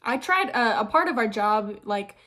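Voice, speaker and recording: A woman's voice: a little high, animated, normal speed, bright, forceful tone. A young woman vlogging in a casual, rambling way, with frequent ums and little laughs, a bit out of breath. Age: young adult. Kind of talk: casual chat.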